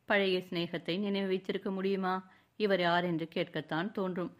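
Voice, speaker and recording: Brief: woman narrator doing a courtly young prince, teasing tone, slightly low voice. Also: level tone, moderate pace, lightly acted. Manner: mocking, courtly. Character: young royal prince, teasing then tender.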